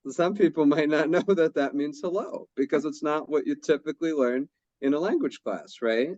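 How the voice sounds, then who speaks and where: A man leads a group discussion at a workshop, steering the conversation while summing up and rephrasing what participants say. His voice is slightly high and a little mellow, at normal speed, with no room sound. The recording sounds dull and lo-fi.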